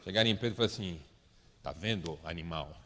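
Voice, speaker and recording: A man preaching a sermon, acting out the voices of the people in his story and moving between quiet and loud passages. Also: low-pitched, fast talker. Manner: dramatic, acts out quoted voices, swings from soft to loud. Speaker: pastor. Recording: long reverb of a large hall.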